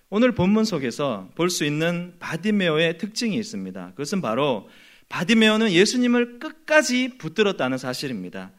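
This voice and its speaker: Animated male preacher, lively pitch. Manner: animated preaching, acts out crowd voices. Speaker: pastor. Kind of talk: sermon.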